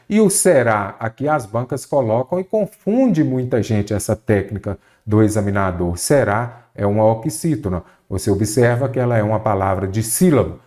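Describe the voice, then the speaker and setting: A male Brazilian Portuguese teacher with a mellow, dark voice leads an exam-prep grammar lesson. He walks through each step and keeps asking rhetorical questions. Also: mid-range voice. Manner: explanatory, asks rhetorical questions.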